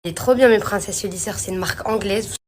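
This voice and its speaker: A woman's voice: mid-range voice, quick pace. A young woman, chatting casually to her followers in a rambling phone vlog from a hotel room. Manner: chatty, rambling, addresses viewers as princesses and girls. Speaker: vlogger.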